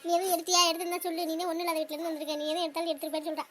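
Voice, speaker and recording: Woman doing a shrill nagging mother-in-law. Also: flat delivery, slight background noise. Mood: scolding. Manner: scolding, rapid-fire nagging. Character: bossy scolding older mother-in-law. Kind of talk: comedy cartoon voice acting.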